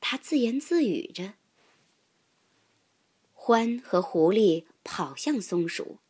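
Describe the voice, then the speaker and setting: A woman narrating a children's story in an expressive storytelling manner. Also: medium pitch, slow, breathy edge.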